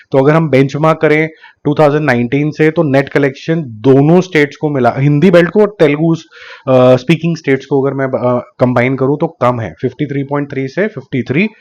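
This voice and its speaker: A man with a sore, slightly hoarse throat gives casual commentary, reading out figures slowly and carefully and slipping English terms into his talk. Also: medium pitch, darkish tone. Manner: deliberately slow, careful delivery of figures. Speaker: box office analyst YouTuber. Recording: slightly dull lo-fi recording.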